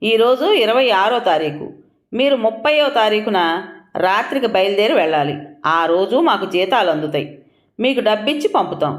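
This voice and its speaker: A woman's voice: mid-range voice, sing-song, moderate pace, roomy sound, lightly acted. A woman voicing a stern elderly father-in-law. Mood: decisive. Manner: commanding, gives orders patiently.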